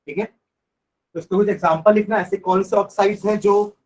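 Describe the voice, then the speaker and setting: A male science teacher giving a classroom lecture, dictating notes slowly and repeating phrases, mixing Hindi and English. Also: sits high, fairly even intonation, darkish tone, poor audio.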